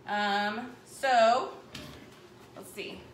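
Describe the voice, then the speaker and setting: A woman's voice: fairly high pitch, steady tone, drawn-out words. A woman, hosting a live cooking demonstration in her home kitchen, chatting and rambling as she works. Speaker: cooking show host. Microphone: camera mic at a distance across the counter. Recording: echoey kitchen with background noise.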